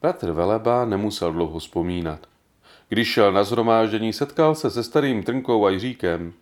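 Calm low-voiced male storyteller. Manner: calm, measured reading. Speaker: narrator. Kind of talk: audiobook narration.

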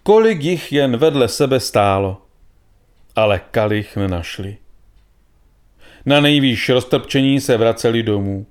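A man narrating a story in a calm, measured reading voice. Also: medium pitch, smooth.

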